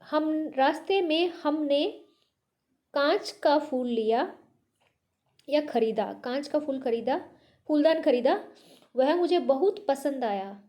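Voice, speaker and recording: A woman teaching Hindi grammar, reading example sentences slowly and explaining them patiently, with English words mixed into her Hindi. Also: high-pitched, mellow.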